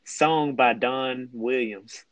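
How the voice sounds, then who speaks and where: A tired young man co-hosting a casual late-night chat, easygoing and quick to agree. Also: mid-range voice, rough recording. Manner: easygoing, agreeable, chimes in often. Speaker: co-host.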